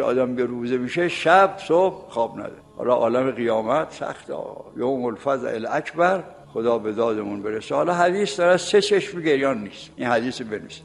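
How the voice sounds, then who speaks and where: Elderly male preacher, late 70s, gravelly voice, folksy storyteller, long reverb from a mosque hall. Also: mid-range voice. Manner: recites Arabic sayings slowly, then explains them in plain speech. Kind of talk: sermon.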